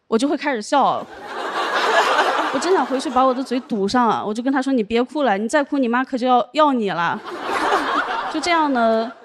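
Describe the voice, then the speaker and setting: A young woman performing a stand-up comedy set, telling her story deadpan and landing punchlines over audience laughter. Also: fairly high pitch. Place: comedy stage with a live audience.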